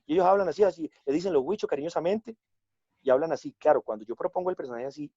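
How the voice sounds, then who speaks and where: Colombian male guest storyteller, somewhat high, mellow voice, dull dry video-call sound. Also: quick pace, breathy edge, dry recording. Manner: animated storytelling, drops into quoted voices. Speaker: guest actor and director. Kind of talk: casual chat.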